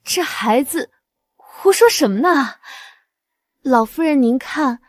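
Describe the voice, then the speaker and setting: 心机姨娘，声调高、说话慢，可怜兮兮地假装受了冤枉；录音干燥贴近。. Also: female voice, high-pitched, animated, slow pace, no echo. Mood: accusing. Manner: plaintive, falsely wronged. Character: scheming young concubine, fake-tearful, sly. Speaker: actress. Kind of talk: costume short drama acting.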